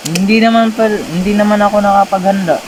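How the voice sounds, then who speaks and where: High-voiced man, mock sorrowful. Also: fairly quick, a little hiss or hum, low-quality recording. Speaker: comedy sketch performer. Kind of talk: comedic skit dialogue.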